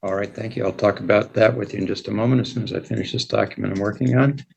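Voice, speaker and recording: An American man speaking as a judge in a court hearing, explaining rights and procedure in a measured, formal, plain-spoken way. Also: lowish voice, steady tone, creaky, slight background noise. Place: court hearing held over video call.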